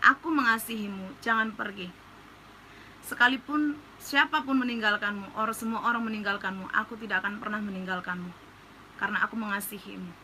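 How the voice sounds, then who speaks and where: A woman doing a soft, hushed divine man. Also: fairly high pitch, steady tone, fast, few pauses, a little hiss or hum, voice pushed down, rough recording. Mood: tender pleading. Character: gentle tender male divine figure.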